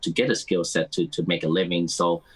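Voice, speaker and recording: A man speaking casually as an interview guest, halting and often repeating words as he goes. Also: low-pitched, little pitch movement, slightly rough. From United States, Cambodian American community. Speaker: podcast guest. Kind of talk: casual interview chat, mixing Khmer and English.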